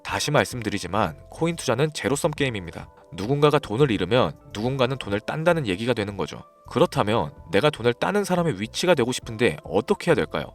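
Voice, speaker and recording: Brief: male host, brisk scripted sales pitch, faint music bed behind. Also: very animated. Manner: earnest, sales-pitch delivery. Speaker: crypto channel host. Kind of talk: scripted persuasive voice-over. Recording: voice-over with faint background music.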